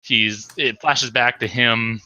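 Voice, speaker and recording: A man's voice: mid-range voice, steady tone, takes it slowly, bright, forceful tone, no echo. A man co-hosting a casual podcast, explaining video game lore in detail with sarcastic, profane asides. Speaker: podcast co-host. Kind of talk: casual drunk podcast banter.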